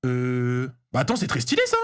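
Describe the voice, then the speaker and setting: Male streamer, casual and excitable, very lively pitch, chats with viewers while opening packs. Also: moderate pace, smooth. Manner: chatty, excitable, reads and answers chat. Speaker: streamer opening trading cards. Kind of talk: casual live-stream chat.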